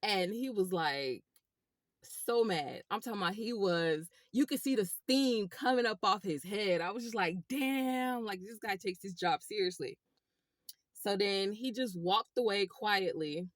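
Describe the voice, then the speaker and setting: A woman telling a rideshare story to her viewers in a casual, animated way. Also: mid-range voice, measured pace, dry recording, studio quality. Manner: animated, chatty, addresses viewers as y'all. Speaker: rideshare driver vlogger.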